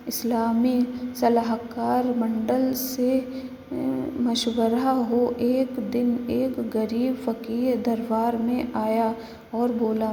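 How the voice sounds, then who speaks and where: A woman narrating a story aloud in a steady reading voice. Her voice sits somewhat high, with a dark, gravelly tone and little pitch movement. The room is echoey with a long reverb, and a faint ambient hum sits underneath.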